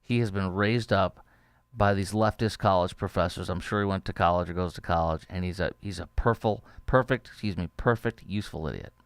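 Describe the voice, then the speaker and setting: A man's voice: low voice, fairly quick, smooth, no echo, studio quality. Indignant male podcast host. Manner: indignant, scornful. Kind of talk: political commentary.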